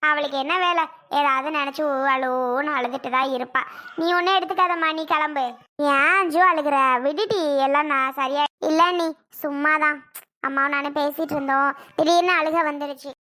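A woman's voice: high-pitched, bright, forceful tone. A woman acting in a homemade family drama skit, trading emotional, scolding and pleading household dialogue.

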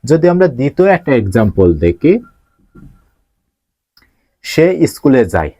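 A man's voice: mid-range voice, warm tone, dry recording. A man teaching a Japanese grammar lesson, asking his own questions and then answering them step by step. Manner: asks rhetorical questions and answers them himself.

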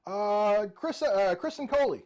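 A man's voice: sits high, lively intonation, measured pace, a little mellow, poor audio. A middle-aged man performing jokey, interactive mind-reading magic patter as a showman, addressing participants by name. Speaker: virtual magician and mentalist. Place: indoor room with bookshelves, video call.

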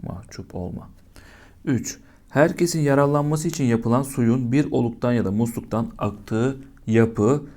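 A man's voice: mid-range voice, unhurried, dark tone. A man teaching a primary school lesson, patiently asking young children questions and answering them himself.

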